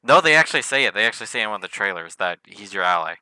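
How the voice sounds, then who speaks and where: Bright-voiced, giggly man rambling. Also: fairly low pitch, sing-song, very fast, clean tone, dry recording, low-quality recording. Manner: rambling, giggly, restarts and swears often. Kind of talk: casual chat on a voice call.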